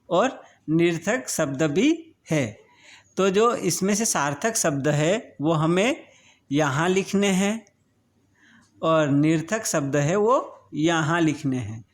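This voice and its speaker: A male teacher talks through a grammar worksheet at a very slow, deliberate pace, drawing out each syllable. His voice sits a little high for a man. He keeps pausing to check that students have understood. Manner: slow, drawn-out, checks understanding with repeated questions. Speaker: school teacher. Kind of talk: slow explanatory Hindi grammar lesson.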